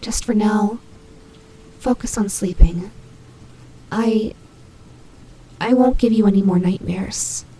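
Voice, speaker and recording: Woman as slow, halting tsundere nightmare rabbit, Nightmare Bonnie. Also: mid-range voice, a little hiss or hum, natural voice, rough recording. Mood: grudgingly tender. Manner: hesitant, halting, flustered tsundere softness. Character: tsundere female nightmare animatronic rabbit, gruff but protective. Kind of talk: soothing roleplay audio drama, intimate ASMR.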